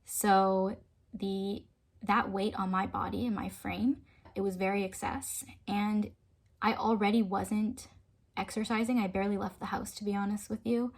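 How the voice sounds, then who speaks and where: A woman with a husky, breathy voice and a gravelly fry at the ends of her phrases. She tells a personal story in an earnest, emotional vlog manner and often sinks into a soft hush. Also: mid-range voice, level tone, measured pace. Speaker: fitness vlogger.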